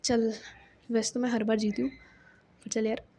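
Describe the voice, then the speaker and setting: A woman voicing a confident, sporty young college woman in a hushed whisper as whispered role-play. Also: on the high side, flat delivery, normal speed, husky. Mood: gleeful.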